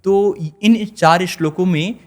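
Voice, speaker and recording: A young man, a religious storyteller, explaining scriptures in an earnest, measured teaching tone with small hesitations. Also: high-pitched. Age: young adult.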